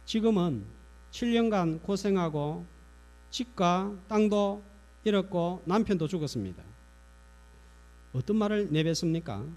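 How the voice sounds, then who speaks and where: A man's voice: high voice, expressive, unhurried, long pauses, darkish tone. A man preaching a sermon in a church, asking the congregation rhetorical questions. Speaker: pastor.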